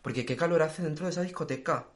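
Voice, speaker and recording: Young male podcaster, rapid and chatty. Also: fairly high pitch. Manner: fast, slangy, animated storytelling. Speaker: podcast co-host. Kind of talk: casual chat.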